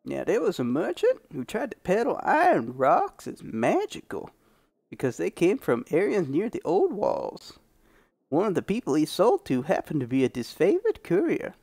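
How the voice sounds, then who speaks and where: Gravelly old prospector, a man putting it on. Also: sits high, huge pitch swings, normal speed, a little mellow, no echo, pitched above the performer's own voice, exaggerated voice. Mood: grim. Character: grizzled old male prospector town leader.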